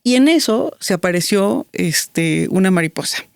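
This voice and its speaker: A woman in her forties, speaking as a guest and recounting a personal story in a thoughtful way. She pauses often on fillers and restarts her sentences. The sound is close and dry, with no room around her. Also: medium pitch, expressive, gravelly, clean tone, dry recording. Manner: reflective, many "este" fillers and restarts. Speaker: guest, business strategist.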